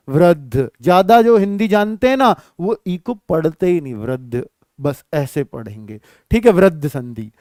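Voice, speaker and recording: Animated man teaching grammar to students. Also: sits high, no room sound, clean studio sound. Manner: animated, calls students "beta" and "bachcho", poses questions and answers them. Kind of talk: classroom lesson addressing students.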